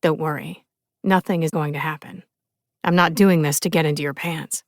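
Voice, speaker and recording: An easygoing young rock musician, voiced by a woman reading an audiobook. He speaks in a calm, quiet, unhurried way, close and dry with no room sound. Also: deep voice, dry recording, voice pushed down. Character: young man, laid-back rock musician. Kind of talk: audiobook character voice.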